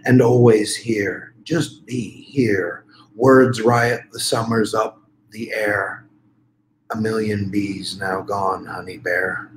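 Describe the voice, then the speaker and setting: A man reading his own poems aloud, with halting, filler-heavy asides between the slow, measured verses. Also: fairly low pitch, steady tone, roomy sound, a little hiss or hum. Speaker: poet reading his work. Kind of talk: poetry reading.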